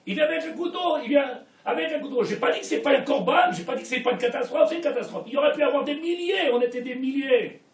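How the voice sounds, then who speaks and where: Animated rabbi, high voice, echoey room. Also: male voice, fast, few pauses. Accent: French Israeli. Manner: animated, swings from soft to shouting, peppered with Hebrew. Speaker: rabbi giving a Torah class. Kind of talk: sermon. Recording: echoey room, mic at a distance.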